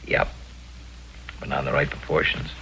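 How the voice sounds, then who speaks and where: An actor playing a weary insurance investigator in a 1950s film, dry and laconic. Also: male voice, normal speed, pushed and bright, slight background noise, lightly acted, rough recording. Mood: wry. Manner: wry, laconic.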